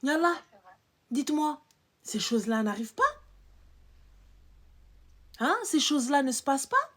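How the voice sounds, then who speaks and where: A young woman on a live stream, scolding her viewers in an animated rant full of rhetorical questions, swinging from loud outbursts to low muttering. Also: measured pace. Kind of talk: ranting live-stream monologue.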